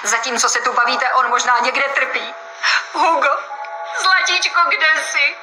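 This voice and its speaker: Woman acting desperate pleading mother, audio game, higher voice, roomy echo. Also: fairly even intonation, bright, forceful tone. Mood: frantic. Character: frantic mother searching for her missing son. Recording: echoey roomy recording with music.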